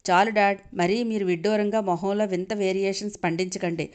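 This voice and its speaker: A woman's voice: mid-range voice, fairly even intonation, fairly quick, a little mellow, close to an everyday voice. Woman voicing brash cocky young man. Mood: cocky teasing.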